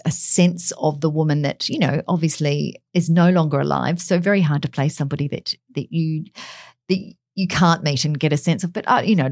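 A woman's voice: low-pitched, a little mellow, dry recording, clean studio sound. A woman chatting as a royal commentator, talking through frequent fillers and restarts. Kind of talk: casual radio chat.

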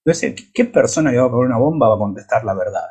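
A man's voice: medium pitch, lively intonation, very fast, a little mellow, husky. A man from Buenos Aires with an Argentine accent, debating in a reflective, hesitant way with frequent restarts. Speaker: podcast panelist. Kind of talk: casual debate.

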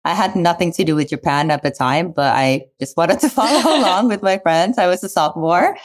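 A woman's voice: fairly low pitch, a little fast. A woman in her forties from Indonesia, an investor talking casually and thoughtfully in an interview, with many "you know" fillers. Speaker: guest, venture capital investor.

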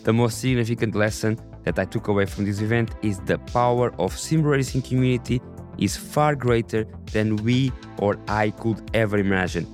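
A man with a raspy voice and non-native English, hosting a podcast in a scripted narration style. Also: on the low side, normal speed, darkish tone, faint music behind. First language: not English. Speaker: podcast host.

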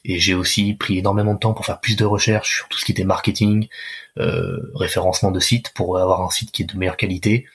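A man's voice: sits low, level tone, brisk, a bit bright, breathy edge. A man working as a fitness coach, talking casually in an interview, loose and chatty with many restarts.

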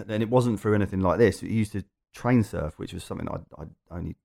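A man's voice: on the low side, fast talker, vocal fry, a little mellow. A man with an Essex accent telling anecdotes in a casual chat, in a rambling, jokey way. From Essex, England. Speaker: podcast guest.

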